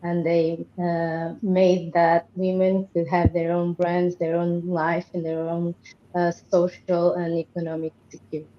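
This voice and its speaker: A woman speaks in a measured, plain way, her voice a little low. The call audio sounds dull and lo-fi. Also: monotone, slight background noise. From Portugal. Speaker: documentary director, guest.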